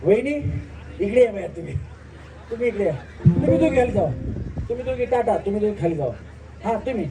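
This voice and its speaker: A man's voice: high voice, expressive, quick pace, long pauses. A man with a rural Marathi accent hosts a live outdoor village game show, teasing the women players and calling out the game moves in a joking way. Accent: Marathi, rural Maharashtra. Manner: teasing, loud calls, counting out games. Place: outdoor village stage event. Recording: distant outdoor mic, faint noise.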